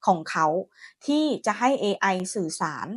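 A woman hosting a software tutorial, chatty and friendly, talking her viewers through each step. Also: mid-range voice, lively intonation, moderate pace, husky, dry recording, clean studio sound. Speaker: AI tutorial host. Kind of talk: screen-recorded software tutorial.

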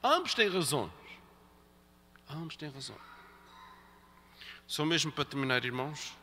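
A man's voice: a little high, big pitch swings, a little slow, bright, forceful tone, a little hiss or hum. A man preaching a sermon at Mass, talking conversationally and repeating key phrases for emphasis. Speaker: priest. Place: church. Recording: reverberant church hall.

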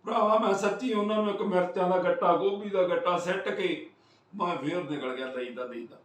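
A man from Punjab in India telling a road story in a casual, animated vlog, acting out what others said and swinging between loud and hushed. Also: high-pitched, fairly quick. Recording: roomy sound from a distance.

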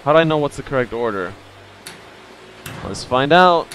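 A man's voice: mid-range voice, animated, normal speed, a bit bright, a little hiss or hum. A man in his thirties giving casual, playful live gameplay commentary, thinking aloud as he streams. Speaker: video game streamer.

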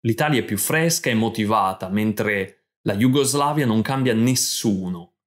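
A man reading scripted narration for language learners, telling a story in short, clear sentences. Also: on the low side, lively intonation, measured pace. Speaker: podcast host and language teacher.

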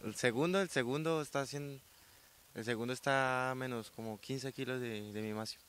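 A sixteen-year-old young man from Colombia, a weightlifter answering interview questions outdoors into a handheld mic, soft-spoken and modest. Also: medium pitch, moderate pace, slight background noise. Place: outdoors by a sports ground. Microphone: handheld reporter mic.

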